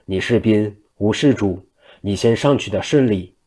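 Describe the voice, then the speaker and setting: A polite but stubborn young gentleman, voiced by a male storyteller. His speech is formal and courteous, delivered in a low, steady voice. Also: normal speed, slightly rough.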